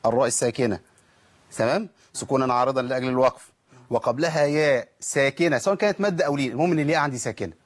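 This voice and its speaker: Egyptian man, husky-voiced and brisk, teaching tajweed, demonstrates each sound carefully. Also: medium pitch. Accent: Egyptian Arabic. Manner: patient, corrects and models pronunciation step by step. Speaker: Quran recitation teacher. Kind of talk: televised tajweed lesson.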